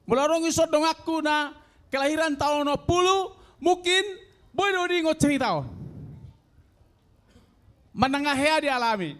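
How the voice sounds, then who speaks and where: A man in his sixties with a Toba Batak accent, telling a comic story in a slow, drawn-out way to an audience of elders. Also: very high voice, animated, fairly bright tone. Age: 60s. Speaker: elderly stand-up contestant. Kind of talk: stand-up comedy storytelling.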